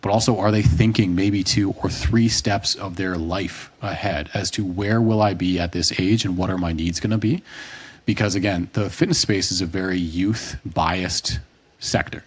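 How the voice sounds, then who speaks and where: Man, low deep voice, husky, casual podcast chat, long rambling explanations, occasional swearing. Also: steady tone, normal speed. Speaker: fitness coach, podcast co-host.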